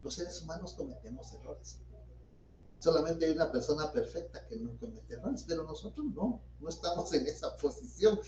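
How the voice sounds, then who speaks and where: A man's voice: fairly high pitch, expressive, normal speed, warm tone. A middle-aged man teaching a law class as a notary, explaining step by step and asking his own questions before he answers them. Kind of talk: university lecture. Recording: dull roomy audio from a distant mic.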